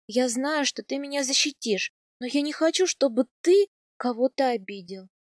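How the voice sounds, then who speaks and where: A woman reading aloud, voicing a spirited young wife who pleads, coaxes and flares up in a raised, bright voice. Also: sits high, lively intonation, normal speed, no echo, studio quality. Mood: pleading. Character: spirited young wife, quick-tempered and coaxing.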